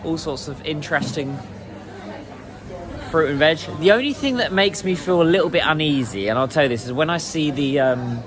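A man's voice: fairly high pitch, expressive, normal speed. An English man in his thirties chatting casually as he walks through a market, filming on a phone at arm's length. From England. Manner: chatty, rambling, laughs often. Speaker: vlogger. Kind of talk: casual walking vlog. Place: busy indoor food market. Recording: noisy crowded market ambience. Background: crowd chatter and market noise.

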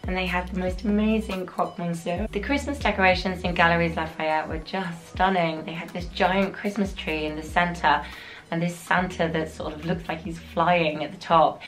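A woman narrating a fashion try-on haul, her voice hoarse and husky from nearly losing it, gushing with enthusiasm. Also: lowish voice, fairly even intonation, moderate pace, fairly bright tone, faint music behind. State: hoarse, partly lost voice. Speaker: fashion vlogger.

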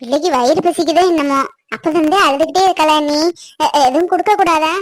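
A woman's voice: high-pitched, a little fast, dry recording, clean studio sound, close to an everyday voice. A woman voicing a caring young aunt in a cartoon, chatting and reassuring the family. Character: young aunt, the baby's caring sister-in-law. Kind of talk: cartoon voice acting.

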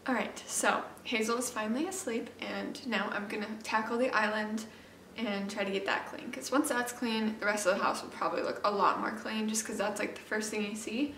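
Speaking to camera in her home kitchen, a homemaking vlogger in her 20s talks informally, wandering off topic and joking about herself. She has a medium-pitched, slightly bright voice with fairly even intonation and a brisk pace. The camera microphone is roughly arm's length or more away, the open room echoes, and there's slight background noise.

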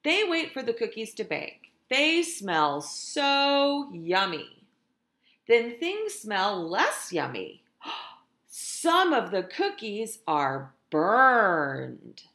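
A storytime teacher for small kids reads a picture book aloud indoors in a room at home, where the space echoes. She speaks unhurriedly in a mid-range voice, expressive and deliberate, addressing the children directly.

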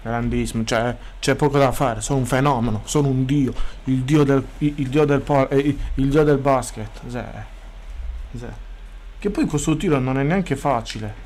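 A man streaming a sports video game, chatting casually, swearing freely and bursting into loud excited shouts. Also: mid-range voice, normal speed. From Italy. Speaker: gaming streamer. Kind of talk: casual gameplay commentary.

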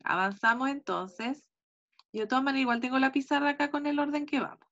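Chilean lady teacher on zoom, patient, stretches words out for little kids, bit high, muffled audio. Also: fairly bright tone. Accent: Chilean Spanish. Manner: patient, drawn-out explaining to small children. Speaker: first-grade teacher. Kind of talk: online class lesson. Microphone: video call. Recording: dull lo-fi video call audio.

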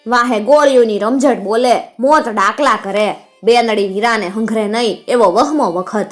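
A woman's voice: on the high side, normal speed, soft background music. A woman storyteller, narrating a dramatic folk tale in a vivid, rhythmic way. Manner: vivid, rhythmic telling with recited couplets.

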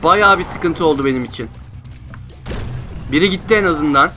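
A man's voice: a little high, normal speed, pushed and bright, soft background music. A young man giving frustrated gameplay commentary, groaning and repeating himself. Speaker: gameplay streamer.

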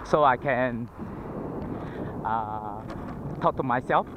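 This Singaporean man speaks slowly in a mid-range voice, his Singaporean English accent clear as he vlogs from a scooter and thinks aloud with fillers. He's slightly out of breath from exertion. Passing traffic on the city pavement fills the lo-fi sound from his head-mounted action camera mic.

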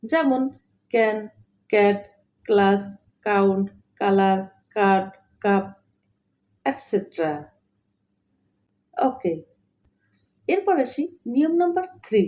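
Slow, mellow-voiced woman teaching pronunciation. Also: medium pitch, animated. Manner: repeats each rule twice, spells words letter by letter; addresses listeners as dear learners. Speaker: English teacher. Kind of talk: slow step-by-step pronunciation lesson.

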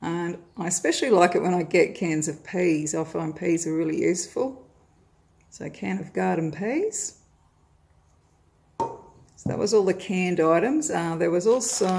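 At home, a middle-aged Australian vlogger chats casually and warmly over a table of groceries, filming from above on her phone and saying "uh" a lot. She has a fairly low, gravelly, darkish voice, with a little hiss or hum in the recording.

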